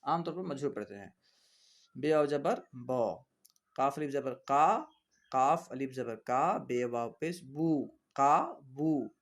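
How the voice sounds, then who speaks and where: Slow, patient male reading teacher. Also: medium pitch. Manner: spells out letters and vowel marks, repeating words aloud for students; patient, instructive. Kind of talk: classroom reading lesson.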